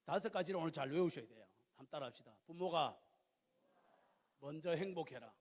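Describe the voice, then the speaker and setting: A man preaching a sermon as pastor in a church, swinging from loud exhortation to quiet, confiding asides. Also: fairly high pitch, expressive, brisk. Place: large church sanctuary. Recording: long church hall reverb.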